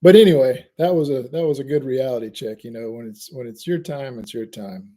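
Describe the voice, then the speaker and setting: A man, hosting a fishing channel and telling a lively fishing story in casual chat. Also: mid-range voice, fairly quick. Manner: animated storyteller, Southern y'all, laughs at own jokes.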